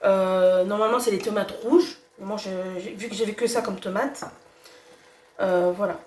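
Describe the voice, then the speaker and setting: Her medium-pitched voice is steady and darkish at a moderate pace: a young woman with a slight cold casually talking through a home cooking video, hesitant with fillers and restarts. The echoey kitchen places her far from the mic, and a pan sizzles while something is stirred.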